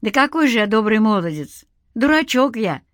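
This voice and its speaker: A woman's voice: on the high side, very animated, moderate pace, dry recording, clean studio sound, voice pushed up. A woman voicing a naive, good-natured young village man who speaks earnestly.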